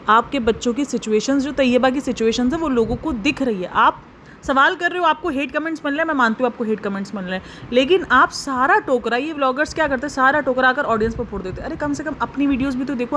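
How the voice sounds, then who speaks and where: In her casual commentary vlog, the channel host speaks directly to her audience in a high voice, sounding exasperated as she scolds and throws out rhetorical questions. Faint hissing noise runs beneath her speech.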